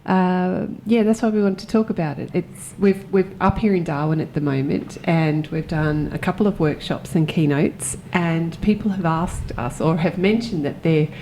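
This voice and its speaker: A woman co-hosting a podcast, chatty and quick to laugh, sometimes rushing through her phrases. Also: on the low side, warm tone, a little hiss or hum, poor audio. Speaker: podcast co-host and keynote speaker. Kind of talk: casual podcast chat.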